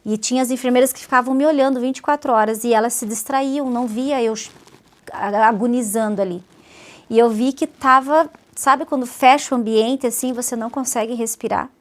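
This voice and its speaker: A woman pastor sharing a personal testimony as a guest in an interview, telling it vividly and acting out what others said in a softer voice. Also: a little high, steady tone, a little fast. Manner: vivid storyteller, acts out others' words softly.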